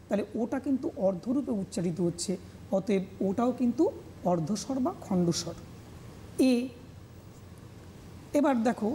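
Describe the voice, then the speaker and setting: Woman teacher with a mellow voice, drilling pronunciation. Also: a little high, slight background noise. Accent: Bengali. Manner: slow, repeating words for pronunciation drills. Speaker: Bengali grammar teacher. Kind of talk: televised classroom lesson.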